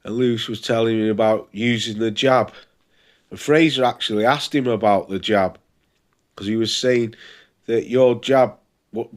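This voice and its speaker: A man with a congested, pinched-nose sound, hosting a casual boxing preview vlog in an informal, hesitant way, as if thinking aloud. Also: lowish voice. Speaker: boxing channel host.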